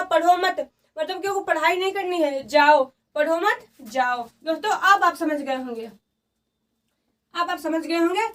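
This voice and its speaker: Woman teacher, very high voice, repeats key words and quizzes her class, recorded from a distance. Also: fairly bright tone. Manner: repetitive, asks and answers her own questions. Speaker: Hindi teacher. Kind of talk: classroom lesson.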